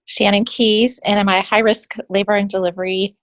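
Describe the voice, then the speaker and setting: A woman who works as a labor and delivery nurse, explaining her job in a plain, slightly halting way. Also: mid-range voice, fairly even intonation.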